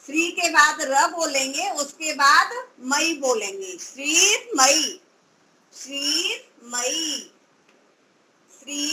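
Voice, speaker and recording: A woman's voice: sits high, pushed and bright, rough recording. A woman teaching Sanskrit pronunciation, drawing out syllables and patiently correcting her student. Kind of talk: pronunciation lesson.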